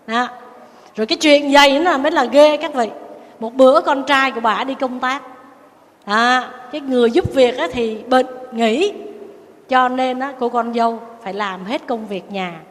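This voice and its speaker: A Buddhist nun tells a teaching story in an animated way, often turning to her listeners. Her voice sits high. Long reverb from the hall hangs behind her words. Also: moderate pace. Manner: animated storytelling, addressing the audience. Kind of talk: storytelling sermon.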